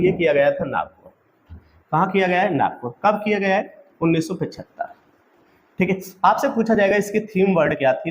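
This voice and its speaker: A man's voice: high voice, slight background noise. Man quizzing students on Hindi literature. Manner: asks a question then repeats the answer; calls the audience friends. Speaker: exam-prep teacher. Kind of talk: quiz-style lecture.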